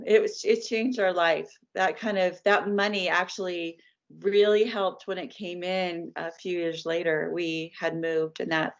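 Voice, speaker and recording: A woman in her fifties tells her story in an interview with animated, chatty energy. Her voice sits slightly low. The recording is dull and lo-fi. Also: unhurried. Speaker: licensed artist, guest. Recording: dull lo-fi sound.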